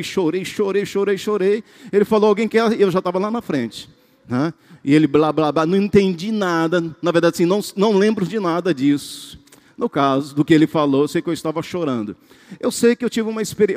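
A man's voice: on the high side, a little mellow, long reverb tail. A man preaching as pastor, telling his story, repeating words and often asking the congregation for amém. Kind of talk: sermon.

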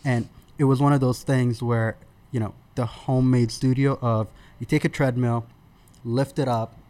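A Sudan-born man in his thirties talks as a podcast guest. His voice sits at an ordinary pitch for a man, and he speaks in a loose, relaxed, chatty way, pausing on fillers and starting sentences over as he goes. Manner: relaxed, with frequent fillers and restarts. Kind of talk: conversational storytelling.

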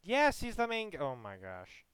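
A man's voice: sits high, wildly swooping pitch, moderate pace, a bit bright, smooth. A young man hosting a casual podcast chat and teasing his friends in a playfully dramatic way. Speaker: podcast host and editor.

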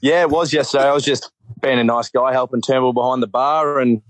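A man's voice: mid-range voice, steady tone, a little fast, dry recording. An Australian man chatting casually as a phone-in guest, with a slangy, laid-back tradesman's way of talking. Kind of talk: casual banter.

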